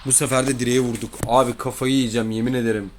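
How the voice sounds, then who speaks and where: A man's voice: mid-range voice, flat delivery, very fast. Guy from turkey moaning through his football game match, fed up with his bad luck, bit of background hiss. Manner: exasperated, grumbling about bad luck. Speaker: gaming YouTuber. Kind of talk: casual gameplay commentary.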